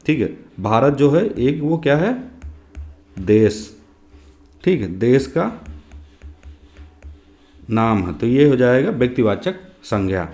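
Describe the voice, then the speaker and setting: Male exam-prep teacher, slightly hoarse, asks each question aloud and answers it himself. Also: mid-range voice, darkish tone. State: slightly hoarse, clearing throat. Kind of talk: exam prep grammar lesson.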